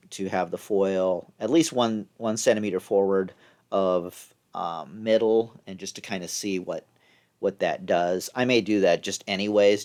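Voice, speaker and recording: A man with a fairly low voice talks through a session recap for his vlog. His delivery is casual and halting, as he pieces his thoughts together aloud. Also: a little mellow. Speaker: vlogger.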